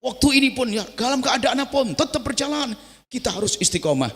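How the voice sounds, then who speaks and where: A man's voice: animated, quick pace, a bit bright. Impassioned preacher man in echoing hall. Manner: impassioned, surging into high emotional pleas. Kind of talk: sermon. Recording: long reverb of a large hall.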